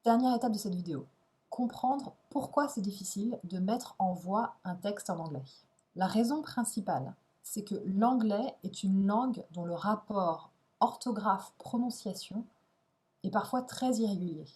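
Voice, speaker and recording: A woman giving an instructional video lesson as an English teacher, speaking clearly and stressing key words in an encouraging way. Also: medium pitch, lively intonation, normal speed, a little mellow.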